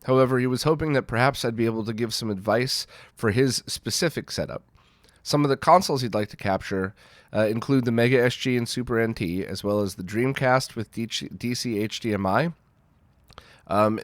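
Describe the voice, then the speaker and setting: A man with a cold and a nasal, medium-pitched voice hosts a casual retro gaming Q&A, recorded without echo. He rambles through his answers in a self-deprecating way, full of fillers and restarts.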